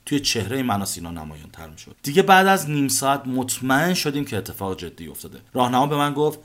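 Man, podcast host, first-person storytelling, expressive, very lively pitch, mid voice. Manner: expressive, recounting events vividly.

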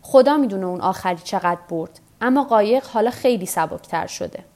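A woman's voice: medium pitch, animated, darkish tone, natural voice. Woman voicing a weary old fisherman. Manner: talks to himself, tired and rueful.

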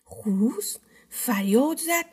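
A woman narrating a folk tale in a lively, expressive way, sometimes dropping to a hush. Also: fairly high pitch, husky. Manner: lively, expressive storytelling with hushed asides. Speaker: storyteller.

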